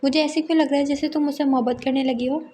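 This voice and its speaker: A woman's voice: high voice, rapid-fire, slight background noise, lightly acted. A woman reading a teasing young husband. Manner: breezy, teasing, calm assurance. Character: young man, teasing then earnest husband.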